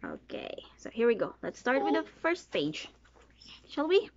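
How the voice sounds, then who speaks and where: A slightly high, unhurried sing-song voice belongs to a woman in her thirties reading a picture book to her toddler, prompting with questions and counting. She's sitting on a bed in a small bedroom, and the recording is a dull, lo-fi home one.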